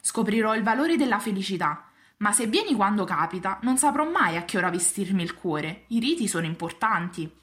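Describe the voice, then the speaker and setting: A woman's voice: mid-range voice, sing-song, fairly quick, a bit bright. A woman voicing a wistful, lonely and wise female fox, talking earnestly in a storybook reading. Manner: earnest, pleading, reflective.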